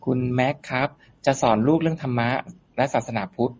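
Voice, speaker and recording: Fast, husky-voiced man reading questions. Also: medium pitch, darkish tone. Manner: brisk, polite reading. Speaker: question reader. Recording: dull lo-fi sound.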